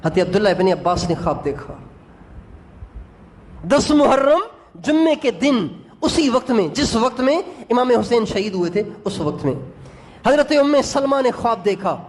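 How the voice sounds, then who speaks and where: A man's voice: very high-pitched, big pitch swings. A man preaching a sermon, telling an emotional religious story and speaking directly to his congregation.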